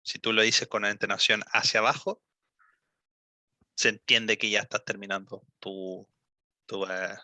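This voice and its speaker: A man leads a speaking lesson as an English teacher, patiently explaining and slowly modelling each phrase. His low-set voice is bright and forceful. The sound is close and dry. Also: level tone, no echo.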